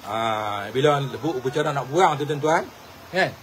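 A man's voice: medium pitch, moderate pace, slight background noise, poor audio. A middle-aged man, telling folk stories in a casual, repetitive way and often addressing his listeners directly. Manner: repetitive, animated storyteller addressing listeners as tuan-tuan. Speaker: religious teacher and traditional healer. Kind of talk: casual storytelling to viewers.

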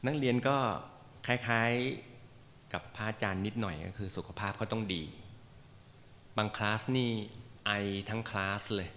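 A man's voice: fairly low pitch, a little slow, long pauses, a bit bright. Chatty male teacher in a reverberant hall. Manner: casual, joking, chatty with many fillers. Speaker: meditation teacher. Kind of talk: informal lecture to a class. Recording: roomy hall reverb, faint background noise.

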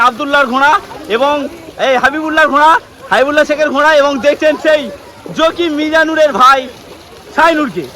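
A man calling a horse race as a commentator, in urgent, repeated short phrases. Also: very high voice. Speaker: race caller and live video commentator. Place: outdoors at a flooded village racecourse. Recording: outdoor recording amid loud crowd noise.

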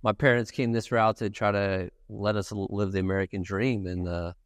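Sitting in a bright office's lounge set, a podcast guest in his forties from Ukraine, a native Russian speaker, responds earnestly in a casual interview. He speaks at a moderate pace in a fairly low voice with little pitch movement, and there's no room sound.

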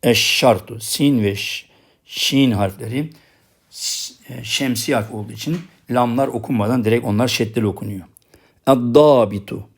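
Male teacher with a Turkish accent. Recorded lesson, slow drilled pronunciation, quick explanations. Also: medium pitch, husky. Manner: pronounces each example word slowly twice, then explains quickly. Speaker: Arabic writing teacher.

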